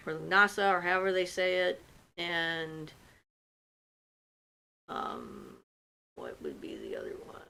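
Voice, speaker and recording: With a lowish, gravelly voice that sounds bright and forceful, a woman runs a casual livestream chat. She reads viewer comments out loud and gives long, rambling answers packed with fillers, all on a low-quality recording.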